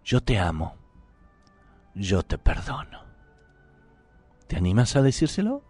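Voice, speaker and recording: A man's voice: lowish voice, very animated, unhurried, a little mellow, husky, faint music behind. A man preaching a sermon in an earnest, pleading, intimate way, sometimes dropping to a whisper.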